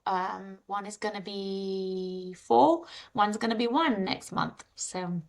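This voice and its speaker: A woman's voice: medium pitch, takes it slowly, vocal fry. A woman in her thirties, a guest talking frankly and loosely about her life. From Wales. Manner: frank, relaxed, rambling with fillers. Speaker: podcast guest, dorm parent and teacher. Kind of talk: casual interview chat.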